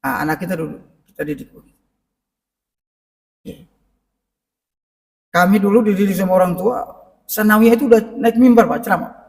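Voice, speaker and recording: A man's voice: high-pitched, normal speed, gravelly, long pauses. A middle-aged male preacher giving a conversational parenting lecture in a mosque and speaking directly to the congregation. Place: mosque hall. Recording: echoey mosque hall, mic at a distance.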